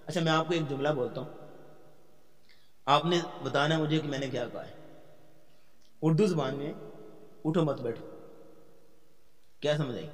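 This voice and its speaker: A man giving a tafsir lecture as a Quran teacher, explaining step by step, putting questions to the class and chanting verses slowly. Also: a little high, big-room sound.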